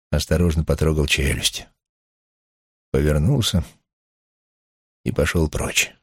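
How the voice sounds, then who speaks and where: A man narrates a novel in the first person, with a very low, husky voice. His reading moves widely in pitch. The close mic sounds dry and dead. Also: no room sound. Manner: expressive storytelling reading. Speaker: audiobook narrator.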